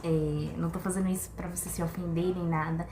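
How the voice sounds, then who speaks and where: A woman's voice: on the low side, a little fast, a little hiss or hum. Chatty woman in an echoey room. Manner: chatty and animated, piles up rhetorical questions and exasperated sighs. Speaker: vlogger. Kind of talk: casual opinion monologue to camera. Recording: echoey room with faint ambience.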